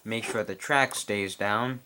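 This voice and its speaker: A man casually explaining how to set up a model train address changer, chewing gum as he talks in a quiet room. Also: on the low side, slow pace, a little hiss or hum. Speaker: model train hobbyist reviewer. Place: quiet room at home with model track on a table.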